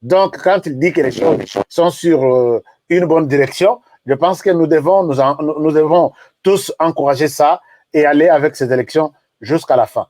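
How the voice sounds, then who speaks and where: A man's voice: a little high, moderate pace, a little mellow, no echo. A man hosting a political talk show, wrapping up with many hesitations and filler sounds.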